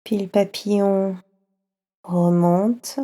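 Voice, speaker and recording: A woman with a French accent takes children through a slow yoga nidra relaxation, talking softly and soothingly and pausing at length. She has a medium pitch and a steady tone.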